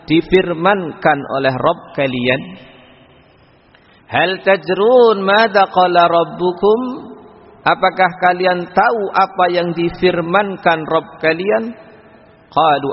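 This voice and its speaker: Male preacher, measured lecture delivery, slow chanted Arabic lines, husky tone; dull lo-fi hall recording. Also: high voice. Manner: measured, chants Arabic phrases slowly then explains. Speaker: Islamic preacher. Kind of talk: sermon-style religious lecture. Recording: lo-fi recording with long hall reverb.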